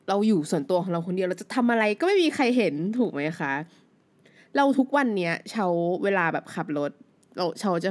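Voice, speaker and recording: A woman in her thirties, a native Thai speaker, hosting her own podcast in a loose, chatty solo monologue full of fillers. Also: mid-range voice. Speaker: podcast host. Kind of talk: casual solo podcast chat.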